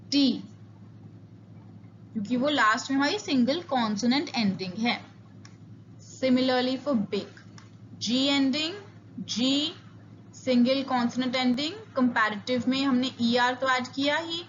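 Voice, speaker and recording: Woman, grammar teacher, very slow, higher voice, dull lo-fi sound. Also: fairly bright tone, a little hiss or hum. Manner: mixes Hindi and English, slow and deliberate, spells out letters. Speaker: English teacher. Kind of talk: grammar lecture.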